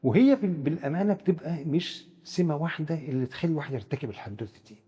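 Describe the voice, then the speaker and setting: Fast-talking Egyptian man, husky and dark. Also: fairly high pitch, animated, in a large hall. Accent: Egyptian Arabic. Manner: rapid, explains with first-person examples, frequent stammered restarts. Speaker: psychiatrist guest expert. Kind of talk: explanatory discussion.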